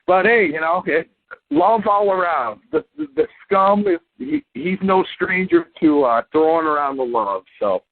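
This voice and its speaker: Rambling co-host on a phone line. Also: male voice, on the high side, lively intonation, unhurried. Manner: rambling, filler-heavy, folksy. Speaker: podcast co-host. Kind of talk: casual podcast chat. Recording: tinny phone-line audio.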